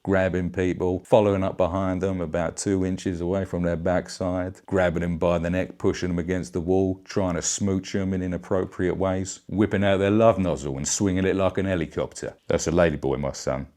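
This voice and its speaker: A man's voice: sits low, level tone, normal speed, hardly any pauses, a little mellow. A middle-aged man delivering a brash, bawdy satirical comedy rant. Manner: brash, bawdy, blokey banter. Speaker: vlogger.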